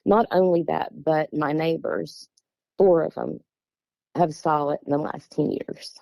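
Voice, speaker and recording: A woman's voice: low voice, fairly even intonation, measured pace, creaky, darkish tone, dry recording. A middle-aged woman from West Virginia with an Appalachian accent, casually telling a personal story in a plain-spoken, meandering way. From West Virginia, USA. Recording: dull, lo-fi, dry close sound.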